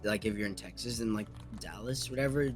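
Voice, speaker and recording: A man who hopes to become a voice actor is a guest in a casual interview, chatting and rambling about voice acting with many fillers. His voice is lowish and fairly quick, with soft music playing in the background.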